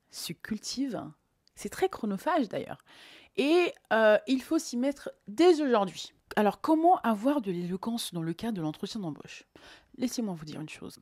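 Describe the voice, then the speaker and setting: Emphatic woman vlogger, mellow tone, dry recording, playful coaching. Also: mid-range voice, dry recording. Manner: emphatic, playful, lively teaching tone. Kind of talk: advice vlog.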